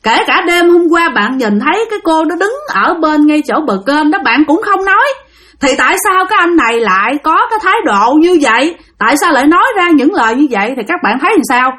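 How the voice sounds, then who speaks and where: A woman with a Southern Vietnamese accent telling a ghost story, animated and addressing her listeners directly. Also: sits high, a little fast.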